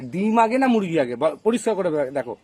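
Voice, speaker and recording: A man's voice: high-pitched, sing-song, brisk, a little mellow, husky, no room sound. A man from Bengal running a prank interview, teasing and repeating the same question over and over.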